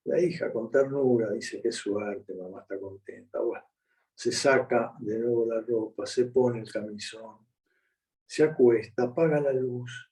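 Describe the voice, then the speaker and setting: A man's voice: mid-range voice, a little slow, dark tone. Argentine man lecturing, distant mic. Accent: Rioplatense Spanish. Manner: conversational lecturing, checking in with the audience. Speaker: psychoanalyst giving a lecture. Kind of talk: conference lecture. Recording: voice picked up from a distance.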